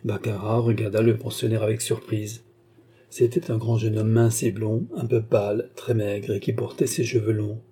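A man narrating a classic French novel in a measured storytelling manner. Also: fairly low pitch, level tone, warm tone, slightly rough. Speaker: audiobook reader. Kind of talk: scripted narration.

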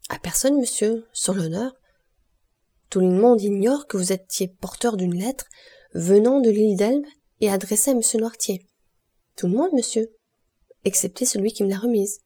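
A woman's voice: medium pitch, moderate pace, pauses often, dark tone, husky, natural voice. A woman voicing an honest young male prisoner in an audiobook, earnest and pleading.

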